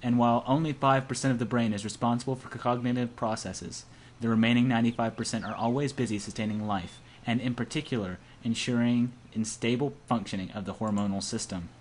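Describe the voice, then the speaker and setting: In a brisk, steady, mid-range voice, a young amateur narrator reads a visual novel aloud, playfully hamming up the drama and tossing in jokes. The amateur home recording carries clear background noise.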